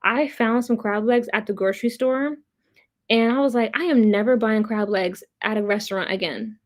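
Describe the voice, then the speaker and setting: Hosting a casual livestream about pop culture, this woman chats with viewers in a moderate-paced, high-leaning voice. She's opinionated, blunt and profane, and she repeats her points for emphasis.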